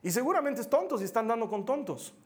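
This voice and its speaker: A man's voice: extremely high pitch, big pitch swings, quick pace, darkish tone. A man preaching a sermon to a congregation. He is emphatic, repeats key phrases and asks rhetorical questions.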